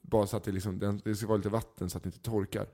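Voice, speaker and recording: A man in casual chat, telling a story and acting out the people in it with changing voices. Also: fairly low pitch. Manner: animated anecdote teller, acts out quoted people.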